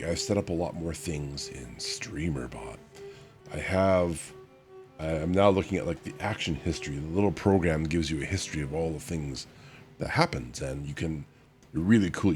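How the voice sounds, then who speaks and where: A man's voice: extremely low pitch, a little mellow. A young man chatting casually on his stream, tired and hiccuping, rambling and correcting himself as he goes.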